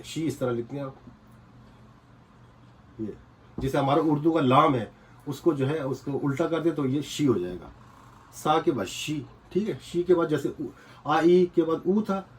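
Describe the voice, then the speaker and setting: A man's voice: on the high side, animated, a little slow. A man teaching a casual whiteboard lesson, patiently repeating points and checking that students follow. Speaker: language teacher.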